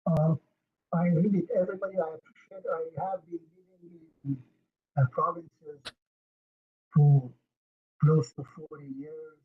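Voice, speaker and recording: An older man in his sixties speaks haltingly, with many fillers and restarts. His voice comes through a crackly, phone-thin remote line that keeps fading in and out, and it sounds somewhat husky. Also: fairly high pitch, flat delivery. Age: 60s. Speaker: public commenter at a hearing. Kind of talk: public testimony. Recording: tinny, faint remote line that fades out.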